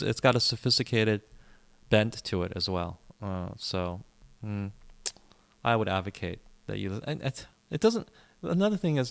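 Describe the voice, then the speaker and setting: This man's mid-range voice is gravelly as he co-hosts a casual podcast. A first-language English speaker, he rambles with strong opinions, repeats himself and restarts his sentences a lot.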